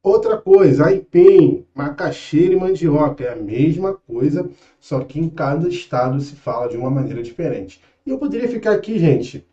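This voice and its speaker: A man's voice: a little high, animated, moderate pace, hardly any pauses, mellow, reverberant, muffled recording. A young man with a Rio de Janeiro accent teaching an exam-prep lesson in a casual, patient way, often checking in with his students. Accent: Rio de Janeiro Brazilian Portuguese.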